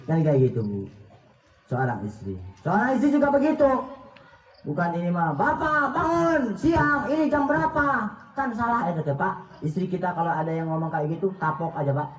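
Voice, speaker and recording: A man's voice: fairly high pitch, sing-song, a little fast, darkish tone. A male preacher with a Sundanese accent, giving a comic sermon in a chatty way and speaking straight to the audience. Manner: jokey, chatty, addresses the audience directly. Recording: echoey, distant, muffled live PA.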